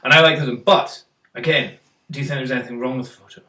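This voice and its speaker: A man hosts a casual photo critique, talking through the pictures and quizzing his co-host in a chatty way full of fillers. He's a fast talker with a medium-pitched, steady, sharp voice, recorded roomy from a distant mic.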